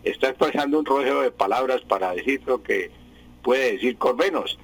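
A man's voice: medium pitch, normal speed, husky, dry recording, rough recording. A man explaining word spelling and meaning to radio listeners in a patient, explanatory way with many fillers. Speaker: language expert answering listeners.

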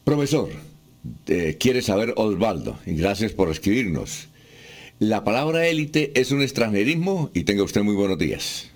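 A radio host with a deep, low voice reads out listener questions. He speaks formally and courteously, in a steady on-air manner. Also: moderate pace.

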